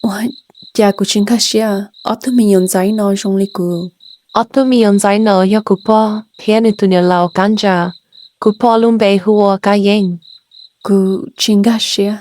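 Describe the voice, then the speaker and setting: A woman's voice: mid-range voice, steady tone, brisk, a little mellow, natural voice. Sad young villager in an audio story, pleading and earnest, as a woman plays her. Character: sorrowful young village woman, breathless and frightened.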